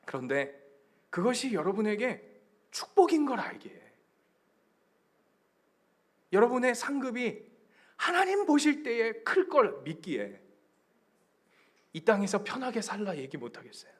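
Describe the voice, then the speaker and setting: A man with a high voice preaches a Sunday sermon in a church sanctuary, speaking with a Gyeongsang accent. He moves between hushed, almost whispered asides and loud, emphatic cries. He questions the congregation directly and leads them in reading scripture together. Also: wildly swooping pitch, moderate pace, long pauses. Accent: Gyeongsang Korean. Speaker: pastor.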